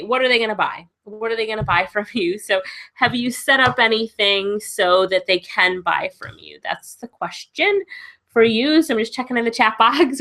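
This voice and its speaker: Stuffed up from a cold, a female business coach hosts a live webinar Q&A in a chatty, encouraging way with frequent laughter. Her voice is fairly high, bright, and forceful.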